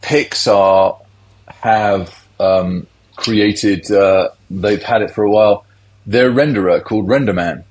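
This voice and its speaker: A man's voice: on the low side, slow pace, a little mellow, low-quality recording. A middle-aged man, a tech industry guest, explaining things in a loose, conversational interview.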